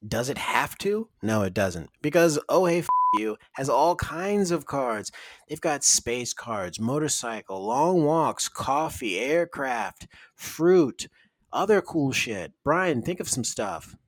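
A man's voice: mid-range voice, big pitch swings, takes it slowly, no echo. A man co-hosting a podcast, joking and mock-exasperated as he riffs through a comedic ad read and banter. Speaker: podcast co-host reading a sponsor ad.

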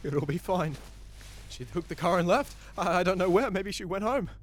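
An actor playing a soft-spoken young man whose hesitant affection turns obsessive and frantic. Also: sits high, animated, moderate pace. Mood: panicked. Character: lovesick young man turning obsessive and violent. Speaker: actor in an audio drama.

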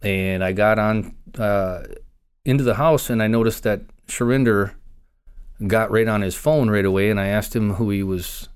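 Measured, smooth-voiced man telling a story. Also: fairly low pitch. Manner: measured, unhurried storytelling with frequent pauses. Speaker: former county investigator, special agent. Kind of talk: recounting a personal story in an interview.

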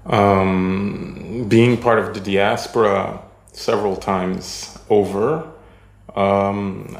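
A fairly low-voiced man from Haiti, whose first language is French, answers interview questions haltingly. He pauses often and says "um" as he searches for words, in an echoey room.

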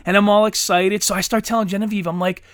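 A man in his thirties, a father and podcast co-host, telling stories in lively casual chat, swearing often and acting out quotes. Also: high voice, quick pace, dry recording, clean studio sound. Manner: animated storyteller, swears often, acts out quotes.

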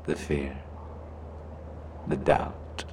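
A man voicing a cruel shapeshifting cave creature that taunts its captive in a slow, menacing whisper, in an audio roleplay. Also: noisy background. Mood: taunting. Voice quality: gravelly.

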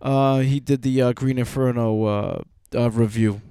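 A man's voice: mid-range voice, fairly even intonation, unhurried, mellow, clean tone, no room sound, studio quality. A man hosting a podcast in a casual, informal chat style. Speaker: podcast host.

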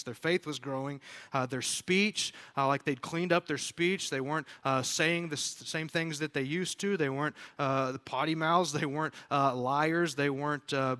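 Conversational preaching man, slightly high voice. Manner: conversational preaching with many fillers and restarts; animated when acting out quotes. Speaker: pastor. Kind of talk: sermon.

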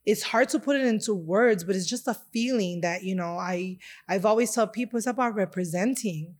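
Speaking a little fast in a mid-range, darkish voice, this interview guest is a restaurant owner from Chicago, USA. She discusses her heritage casually and from the heart, wandering with plenty of fillers.

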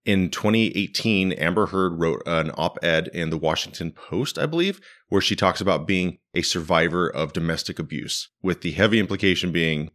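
In this clip, a podcast host speaks in a low, slightly bright voice at a moderate pace with few pauses. His commentary is casual, wry and conversational, recorded in a living room he uses as a home studio.

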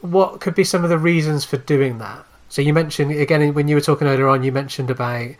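A man's voice: fairly high pitch, fast talker. A man hosting a podcast interview, asking questions hesitantly with many restarts and fillers. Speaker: podcast host.

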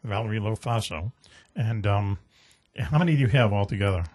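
A man's voice: on the low side, fairly quick, a little mellow, breathy edge. A man with a Boston accent hosting a radio talk show, rambling and joking with plenty of fillers.

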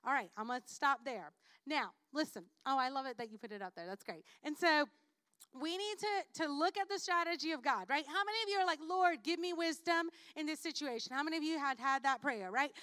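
High, bright-voiced woman preaching lively sermon. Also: fairly quick, no room sound, studio quality. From Puerto Rico. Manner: lively, playful, acts out voices of others. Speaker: guest preacher.

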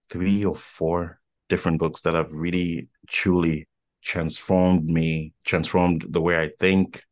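A man from Ghana, a guest on a podcast, speaking thoughtfully and repeating words as he builds his points. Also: low voice. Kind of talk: casual podcast conversation.

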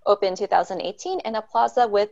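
A woman co-hosting a podcast who reads a prepared restaurant feature in a brisk, scripted way. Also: medium pitch, gravelly, a little mellow, highs cut off. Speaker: podcast co-host.

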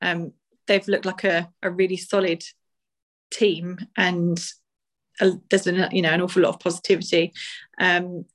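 A woman's voice: fairly low pitch, little pitch movement, normal speed. Chatty woman. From Essex, England. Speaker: podcast co-host. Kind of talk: casual sports discussion.

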